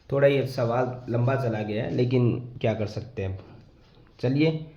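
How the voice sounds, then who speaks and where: Guy teaching maths step by step, asks the kids stuff then answers it, mid pitch, roomy echo. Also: mellow, muffled recording. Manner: asks pupils rhetorical questions, then answers them; patient, repeats rules and warnings. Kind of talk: step-by-step classroom explanation. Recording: echoey room.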